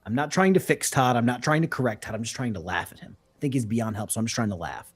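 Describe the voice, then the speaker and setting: Male streamer, casual reaction commentary, swings up and down in pitch, scornful and crude. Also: fast, slightly rough. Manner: mocking, animated, swears freely.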